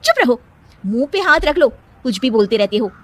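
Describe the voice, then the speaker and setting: Woman acting a high-pitched, boastful, bossy young housewife. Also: big pitch swings, normal speed. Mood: snappy scolding. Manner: sassy, scolding, self-satisfied.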